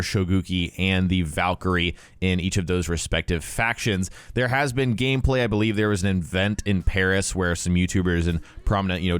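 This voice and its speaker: A man's voice: fairly low pitch, no echo. A man talking casually to viewers as a gaming YouTuber, explaining things conversationally and stressing key words, close to the microphone. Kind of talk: casual talk to viewers about a video game.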